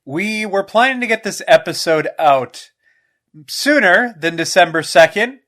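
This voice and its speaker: A woman's voice: fairly low pitch, expressive, a little slow, fairly bright tone. A woman co-hosting a casual podcast, getting over a cold, trading wry, easygoing banter. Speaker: podcast co-host. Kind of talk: casual chat.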